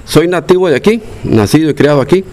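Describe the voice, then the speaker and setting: An older Costa Rican man with a local accent, fairly high-pitched and lively, talks fast in a casual field interview on a neighborhood street outdoors. He's a resident, full of fillers and restarts, with background noise behind him.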